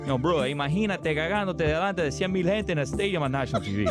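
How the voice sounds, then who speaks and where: Brash young superfan played by a man, Miami Cuban-American accent, higher-pitched, booming motivational hype speech over prominent music. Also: expressive, fast talker, close to an everyday voice. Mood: fired-up, defiant. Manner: emphatic, dramatic build-ups, slangy Spanglish. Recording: background music under the voice.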